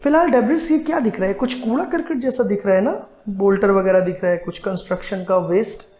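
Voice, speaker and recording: A man with an Indian accent teaching English pronunciation, mixing Hindi and English and slowing down to spell out the English words. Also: sits high, darkish tone. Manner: switches between Hindi and English, slow and deliberate on English words. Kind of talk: online pronunciation lesson. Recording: roomy echo.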